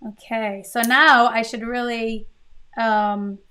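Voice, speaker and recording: A woman's voice: fairly high pitch, slow, a crowd in the background. Chatty woman live-coding aloud. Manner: thinking aloud, lively, chatty, with frequent fillers and restarts. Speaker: host live-coding on stream. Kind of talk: casual live-coding chat.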